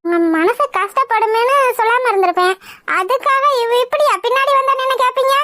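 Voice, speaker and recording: A woman voicing a very high, anxious cartoon wife. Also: a little fast, pushed and bright, no room sound. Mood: defensive. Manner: pleading, defensive. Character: young wife, anxious and defensive. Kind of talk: cartoon voice acting.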